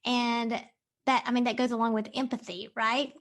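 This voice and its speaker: A woman's voice: a little high, level tone, moderate pace. A woman hosting a podcast, interviewing a guest in an enthusiastic, affirming way. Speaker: podcast host.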